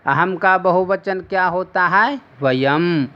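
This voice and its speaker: A man teaching Sanskrit to children in a lesson, reciting word forms slowly and carefully and explaining how to pronounce them. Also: high voice, clear, resonant tone, muffled recording. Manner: slow, deliberate drilled recitation of word forms; addresses children directly, explaining pronunciation.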